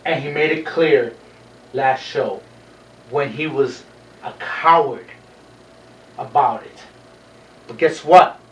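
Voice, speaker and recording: A wrestler co-hosting a wrestling show delivers brash, boastful promo chat, sprinkling Spanish phrases throughout. His mid-range voice is a bit bright, and he talks slowly with long pauses. The muffled recording is echoey, with a distant mic and faint noise.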